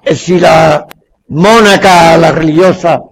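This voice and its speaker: A man giving a public lecture in Italian, haltingly searching for words and repeating phrases for emphasis. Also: on the high side, creaky, a little hiss or hum. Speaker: guest lecturer. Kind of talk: public lecture with questions and answers.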